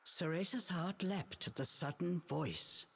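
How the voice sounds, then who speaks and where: An actress narrating a storybook in a soft, measured way. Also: female voice, on the low side, in a large hall, a little hiss or hum. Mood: calm. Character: calm storybook narrator woman.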